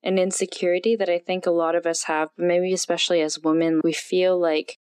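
A woman's voice: fairly low pitch, level tone, brisk, clean tone, no echo, clean studio sound. A woman podcast host, encouraging and reflective, who often murmurs agreement while her guest talks. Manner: encouraging, frequent soft backchannels. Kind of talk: interview chat.

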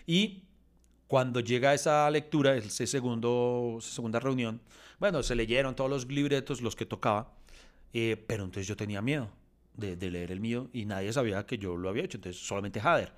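A man's voice: mid-range voice, moderate pace. A man telling a long story in a casual podcast chat, acting out quotes and laughing often.

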